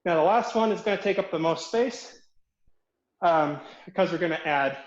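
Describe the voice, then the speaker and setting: Male fencing coach, higher voice, out of breath, roomy slightly muffled home recording. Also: moderate pace. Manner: counts reps aloud while demonstrating drills. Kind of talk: online footwork class instruction.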